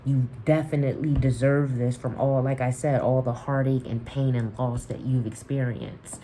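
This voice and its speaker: A woman's voice: a bass voice, steady tone, moderate pace, warm tone, slight background noise. A woman doing a spiritual tarot reading, speaking affirmations directly to the listener and often repeating herself. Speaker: tarot reader.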